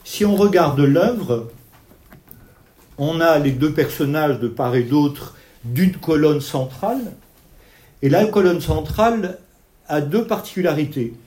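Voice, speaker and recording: A man's voice: a little high, animated, slow pace, long pauses, darkish tone. A man lecturing on art history at an evening talk, explaining paintings step by step while pointing out details and talking with his hands. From Italian family background.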